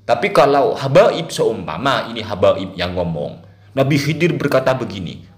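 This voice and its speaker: A man's voice: mid-range voice, big pitch swings, normal speed, reverberant. A man giving casual video commentary in a mocking tone, laughing often and drawing out his exclamations.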